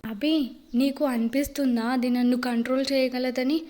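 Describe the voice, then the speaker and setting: A woman's voice: sits high, steady tone, moderate pace, warm tone, natural voice. A woman voicing a tearful, pleading young wife. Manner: sobbing, pleading delivery. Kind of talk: audiobook character reading.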